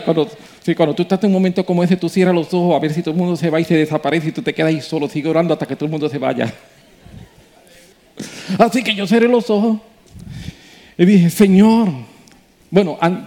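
High-voiced, mellow preacher man. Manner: animated, rising to emphatic preaching. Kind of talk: sermon with storytelling.

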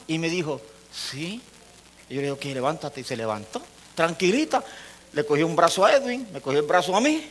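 High, bright-voiced man preaching. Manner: storytelling, often dropping low and soft for emphasis. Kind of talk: sermon with a personal story.

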